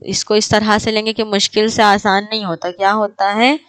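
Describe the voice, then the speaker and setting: A woman's voice: medium pitch, little pitch movement, a bit bright, clear, resonant tone. A woman teaching an exam prep lecture, asking her class questions and then answering them herself.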